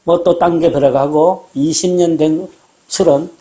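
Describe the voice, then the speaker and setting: A man hosting a casual talk, explaining things in a measured, storytelling way, recorded indoors in an old house. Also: a little high, fairly even intonation, dark tone. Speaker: host.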